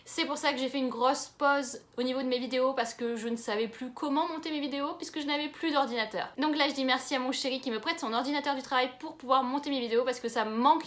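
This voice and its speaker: A woman's voice: sits high, steady tone, fast, hardly any pauses, a bit bright. A young woman from France chatting enthusiastically in a casual book haul vlog. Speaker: book YouTuber.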